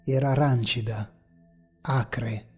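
A man narrating a horror story in a measured, ominous way. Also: mid-range voice, fairly even intonation. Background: faint dark ambient music.

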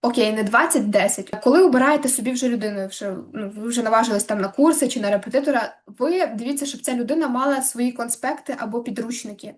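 A woman's voice: fairly high pitch, fast talker, few pauses. A young woman tutor giving a chatty, casual lesson to camera, full of filler words and restarts.

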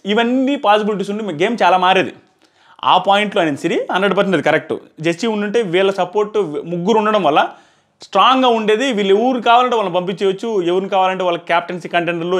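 Speaking into a clip-on lapel mic, a man with a high-sitting voice gives an informal, animated review of a reality show episode, explaining and repeating his points. He's in a small, plain indoor room.

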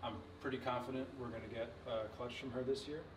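A young man in his twenties casually showing and explaining snakes in an indoor reptile room, relaxed and knowledgeable, with many fillers. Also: mid-range voice, fast talker, far from the mic, noisy background. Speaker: facility owner giving a tour. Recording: echoey room, off-mic, music behind.

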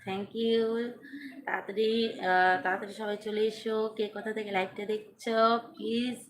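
A woman hosts a casual live stream from her veranda at night, talking softly into her phone with no external mic. Her voice stays even and flat in melody, with audible background noise around her. She keeps up a chatty, pleading tone as she asks viewers for support. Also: medium pitch, normal speed. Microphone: phone without external mic.

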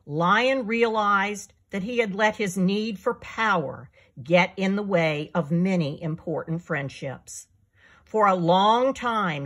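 A woman reading her own children's book aloud in an expressive storyteller manner. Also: mid-range voice.

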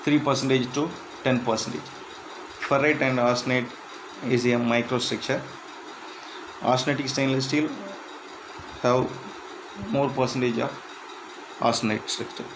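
A man's voice: mid-range voice, fairly even intonation, unhurried, pauses often. Man reading welding quiz answers, noisy. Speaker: instructor.

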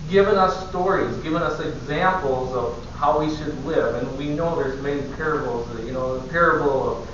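A pastor preaches in a loose, conversational way, stopping and restarting his sentences and poking fun at himself. His voice rings around a large church and reaches a distant mic. The sound is dull and carries a layer of background noise. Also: fairly high pitch. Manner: conversational, self-deprecating, many restarts. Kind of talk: sermon. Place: church sanctuary. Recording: echoey, dull, distant, noisy room recording.

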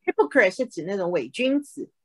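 Woman English tutor, patient drill style, husky voice, dry close recording. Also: medium pitch, very animated, no room sound, rough recording. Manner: patient, repeats words slowly and explains in Chinese. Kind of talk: one-on-one pronunciation lesson.

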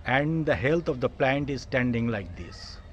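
With lively intonation and an unhurried pace, a medium-pitched man in his sixties hosts a casual tour of his rooftop garden for his gardening channel. He speaks with a Bengali accent and earnestly calls viewers "dear friends."

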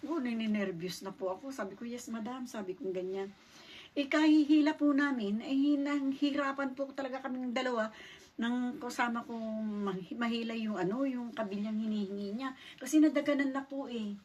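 A middle-aged woman from the Philippines tells a personal story for her vlog in a polite way, acting out what each person said. Her voice sits a little high. She is set back from a distant mic, with a faint noise underneath. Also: brisk, a little mellow, dull audio. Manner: polite, retells events with quoted dialogue. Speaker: vlogger.

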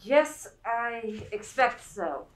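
A young woman acting a kindly older neighbour who apologises softly. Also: on the high side, animated, extremely slow, slight background noise, low-quality recording. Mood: apologetic. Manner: apologetic, soothing. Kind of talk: stage play acting.

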